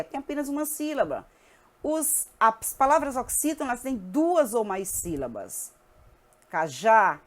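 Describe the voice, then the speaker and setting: Female teacher, lively delivery with a swinging pitch, talks students through grammar rules. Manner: lively, checks in with the class.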